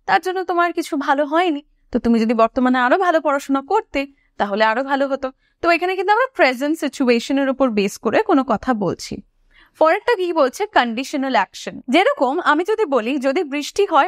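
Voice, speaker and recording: A woman teaching an English lesson. She explains each point and asks her students questions, then slows down to say each English example sentence clearly. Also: sits high, no echo, clean studio sound. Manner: asks the class questions, then answers them. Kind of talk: classroom explanation.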